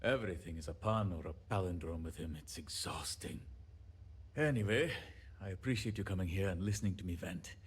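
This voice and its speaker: A man's voice: sits low, breathy edge. A fretful handyman. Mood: amused. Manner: rambling, self-deprecating, quick to apologize. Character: fretful, apologetic male colony handyman. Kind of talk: video game dialogue.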